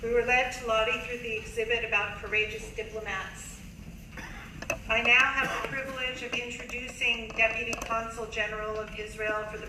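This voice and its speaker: A woman acting as master of ceremonies, introducing a guest in a measured, formal way. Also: fairly high pitch. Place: large echoey hall. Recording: echoey, far-off, noisy ceremony recording.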